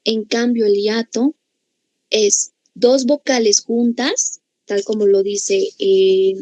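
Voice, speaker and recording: A woman's voice: a little high, a little mellow, no room sound, low-quality recording. A woman with a Bolivian accent teaching a grammar class, explaining patiently and often checking in with her students. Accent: Bolivian Spanish. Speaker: language teacher.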